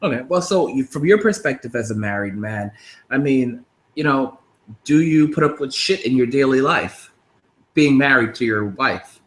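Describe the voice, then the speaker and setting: A man's voice: mid-range voice, lively intonation, moderate pace. Rambling man in his thirties, roomy sound. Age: 30s. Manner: rambling, with frequent restarts and laughs. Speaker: podcast host. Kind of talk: casual interview chat.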